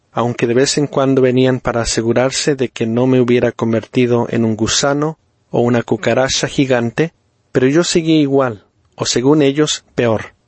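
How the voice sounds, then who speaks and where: A man from reading a first-person story slowly and deliberately, with dry irony. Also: medium pitch, no room sound. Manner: slow, deliberate, ironic storytelling. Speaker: narrator.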